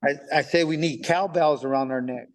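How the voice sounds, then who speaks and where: A man's voice: a little high, moderate pace. Casual man telling a story. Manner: casual street talk, acts out past dialogue, repeats himself. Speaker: podcast guest recently released on parole. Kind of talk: telling a personal story in conversation.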